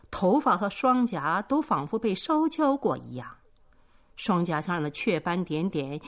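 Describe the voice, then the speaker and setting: Slow, expressive woman reading a story. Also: on the low side. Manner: expressive, measured. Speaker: narrator.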